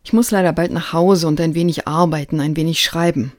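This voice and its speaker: A friendly, confiding male writer, as a woman reads him out. The voice sits low and dry, read with light emphasis rather than full acting. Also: fairly even intonation, brisk, darkish tone, no echo, natural voice. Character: affable successful male novelist, confiding.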